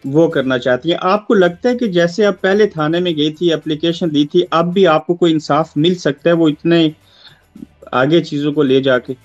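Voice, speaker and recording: Pakistani male interviewer, slightly high voice. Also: no echo, highs cut off, soft background music. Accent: Pakistani Urdu. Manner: probing, measured questions. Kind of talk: interview questions.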